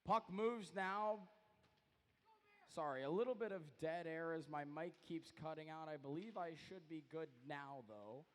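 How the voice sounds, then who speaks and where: A man's voice: fairly high pitch, a little slow. A man calling youth hockey play-by-play as the rink announcer, his mic cutting out so the volume comes and goes. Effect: mic cutting out, uneven volume. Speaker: arena announcer. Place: ice rink. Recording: long echo of a big rink.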